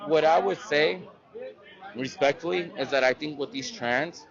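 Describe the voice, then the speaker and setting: A man's voice: fairly high pitch, a little slow, vocal fry. Rambling, slangy young man over crowd chatter. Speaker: street interviewee. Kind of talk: casual street interview storytelling. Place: busy public spot at night. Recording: muffled audio with crowd chatter.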